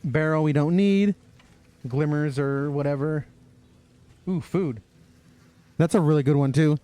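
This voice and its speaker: A man's voice: on the high side, a little slow, warm tone, clear, resonant tone. A young man giving casual, sarcastic commentary while playing a game. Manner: sarcastic, mocking, talks to himself. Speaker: streamer.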